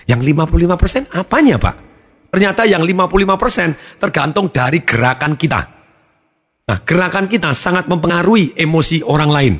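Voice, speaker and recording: A man giving a motivational seminar talk, animated, acting out different tones of voice for his examples. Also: on the high side, fairly quick, slightly rough, in a large hall. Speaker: motivational speaker.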